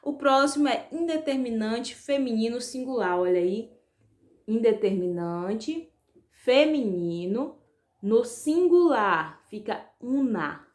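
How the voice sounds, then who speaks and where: Slow, syllable-stressing woman teacher in an echoey room. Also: a little high, expressive, a little mellow. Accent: Brazilian Portuguese. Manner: slow, drawn-out, spelling out syllables; checks in with frequent "ok?" and "né?". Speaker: Spanish teacher. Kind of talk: online class lesson.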